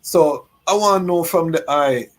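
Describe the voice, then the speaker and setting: A host asking halting questions. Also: male voice, on the high side. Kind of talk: conversational interview.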